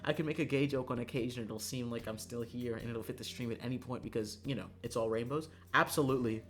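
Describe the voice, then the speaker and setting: A young adult streamer chats casually while reading a visual novel aloud, playful and theatrical and prone to bursts of yelling and laughter. The mid-range voice moves fast, with music playing behind it.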